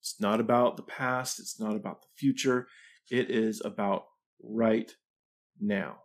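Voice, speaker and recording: Middle-aged male livestream host, deep-ish and unhurried, reflective, full of ums and restarts. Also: steady tone. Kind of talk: casual livestream talk.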